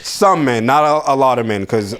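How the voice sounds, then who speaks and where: A man's voice: mid-range voice, expressive, normal speed, a bit bright, clear, resonant tone. A man hosting a casual podcast chat, telling stories in a joking, profane way. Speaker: podcast host.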